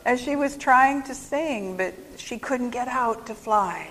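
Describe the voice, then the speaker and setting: A woman's voice: fairly high pitch, fairly bright tone. A woman preaching, telling stories in short phrases for an interpreter. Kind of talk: sermon spoken for live interpretation. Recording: echoey hall.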